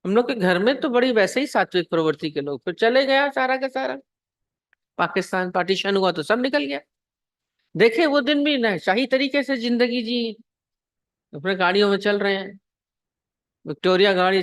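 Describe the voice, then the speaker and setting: Woman preacher, storytelling sermon, middle pitch, dry. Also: moderate pace, no room sound. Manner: storytelling, asks the listeners questions. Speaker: spiritual teacher. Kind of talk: sermon on scripture.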